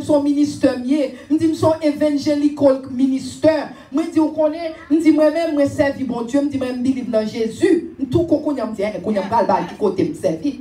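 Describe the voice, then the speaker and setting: A woman preaching a sermon and telling a personal testimony, animated and often raising her voice with laughter. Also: high-pitched, echoey room, recorded from a distance. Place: church.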